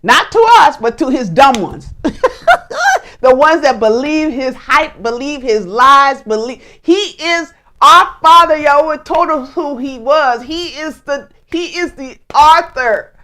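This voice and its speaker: A woman co-hosting a casual teaching chat, outspoken and animated as she talks. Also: high-pitched, slow. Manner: lively, outspoken, animated storytelling. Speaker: co-host teaching.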